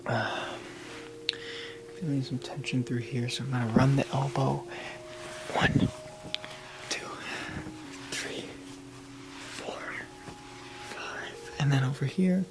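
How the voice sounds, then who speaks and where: A whispered role-play by an ASMR performer as a gentle, attentive massage therapist, soothing and instructional. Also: medium pitch, little pitch movement, poor audio. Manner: soothing, slow counting, instructional. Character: gentle, attentive massage therapist talking a client through treatment.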